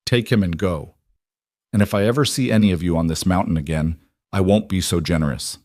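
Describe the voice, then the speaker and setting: A man voicing a gruff, terse middle-aged mountain hermit in an audio story, talking through pain. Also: low-pitched, fairly quick, darkish tone, dry recording, studio quality, close to an everyday voice. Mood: grim.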